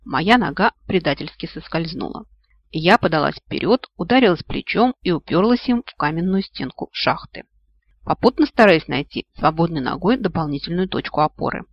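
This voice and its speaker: A reader narrating a first-person fantasy audiobook in a lively way, exclaiming when voicing the heroine. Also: mid-range voice, moderate pace, no room sound. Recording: dry, muffled, dull-sounding recording.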